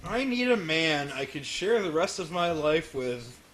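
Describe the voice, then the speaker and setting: Slow, lively wisecracking man. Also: a little high, slight background noise. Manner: wisecracking, reads jokey questions. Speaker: podcast co-host. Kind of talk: casual wrestling chat.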